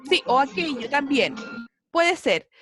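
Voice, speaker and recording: High-voiced woman teaching English. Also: big pitch swings, a little slow, music in the background. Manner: patient, checks in with "¿cierto?". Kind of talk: online class explanation.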